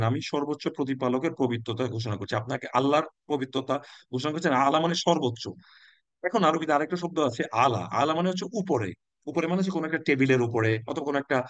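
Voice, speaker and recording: A man teaching an Arabic class in a conversational way, repeating example words slowly and dropping English words into his talk. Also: mid-range voice, no echo. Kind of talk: online class lecture.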